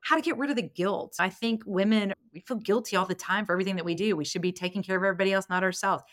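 This podcast guest, a strategic planner and business consultant one month shy of fifty, races through candid, motivating replies in a conversational interview. Her medium-pitched voice is a bit bright, captured in studio quality without echo.

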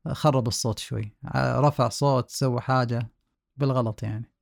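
Gravelly-voiced man explaining, hesitant. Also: mid-range voice, steady tone, quick pace. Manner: hesitant, many restarts, explanatory. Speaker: sound engineer guest. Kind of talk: casual podcast interview.

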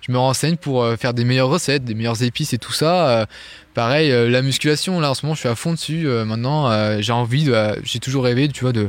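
A man from France, a guest on an interview, chatting casually in a quick, loose way with many fillers and restarts. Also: mid-range voice, dry recording. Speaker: guest, online Irish music teacher.

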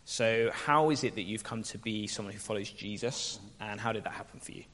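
A man's voice: on the low side, a little fast, a bit bright. A man hosting a casual onstage interview in a church, chatty and teasing. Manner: chatty, teasing, laughs easily. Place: church hall. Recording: reverberant church hall.

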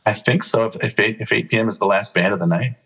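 A man's voice: lowish voice, fast, a bit bright, breathy edge. A man, a musician guest, chatting casually in an interview, rambling and joking with many fillers.

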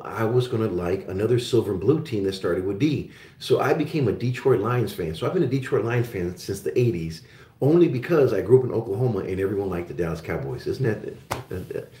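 Man with a rambling chat voice, low and roomy. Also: dark tone. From Germany. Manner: rambling, with frequent fillers and restarts. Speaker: host of a precious metals and resource stocks show. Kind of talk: casual live call-in chat. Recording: roomy echo.

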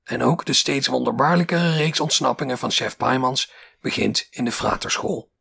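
Raspy gravelly guy narrating a documentary, sharp bright tone. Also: mid-range voice, normal speed. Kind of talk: scripted narration.

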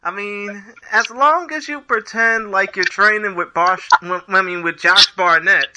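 A man's voice: high voice, a little slow, noisy background. A man hosting a casual interview show, easygoing, laughing often and repeating his words as he asks questions.

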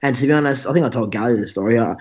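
A man's voice: mid-range voice, rapid-fire, a little mellow, muffled recording. A young man telling a long story as a guest in a casual interview, rambling and restarting his sentences. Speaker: guest bodybuilder.

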